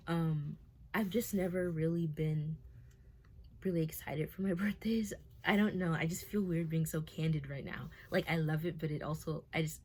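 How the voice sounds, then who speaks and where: A woman in her twenties, around twenty years old, speaks in a low, darkish voice as she gives her camera a candid update from home. The vlogger sounds nervous and rambles, leaning on fillers and restarting sentences while talking openly about her life.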